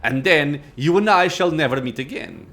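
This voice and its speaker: A man's voice: a little high, lively intonation, moderate pace, a bit bright, faint music behind. A man voicing an ancient undead lich master from a fantasy game, lordly and impatient, speaking in formal, archaic phrases. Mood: arrogant. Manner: imperious, archaic formal speech. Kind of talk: acted reading of fantasy game dialogue.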